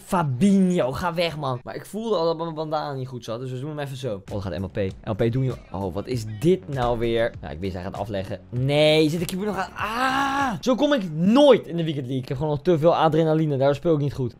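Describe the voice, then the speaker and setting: Hoarse young man shouting over gameplay. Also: on the high side, big pitch swings, brisk, few pauses, faint music behind. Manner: shouts and cheers at goals. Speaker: gaming video host. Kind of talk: excited gameplay commentary.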